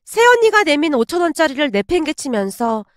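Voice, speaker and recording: A woman's voice: sits high, sing-song, a little fast, no room sound, studio quality. A woman in her thirties narrating a personal family story in a chatty, confiding way.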